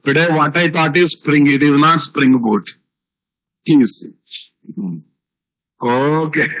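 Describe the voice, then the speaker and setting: A man's voice: fairly high pitch, takes it slowly, a bit bright, low-quality recording. A man with a South Indian Telugu accent teaching a live online programming class, repeating key phrases and asking rhetorical questions. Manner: repetitive teaching with rhetorical questions and tag words. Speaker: software instructor.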